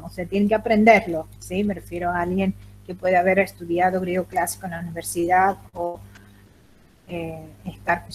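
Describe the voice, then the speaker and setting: A woman whose first language is Greek, giving an online lecture on the language to a general audience, hesitant and full of fillers, on a video call. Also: mid-range voice. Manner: hesitant, many fillers and restarts.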